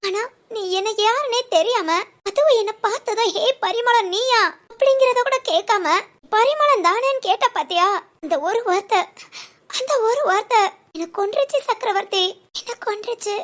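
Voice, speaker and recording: A woman's voice: very high voice, expressive, normal speed, fairly bright tone. A woman voicing a heartbroken older ashram woman. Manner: tearful, aching, reproachful. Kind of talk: audio story monologue.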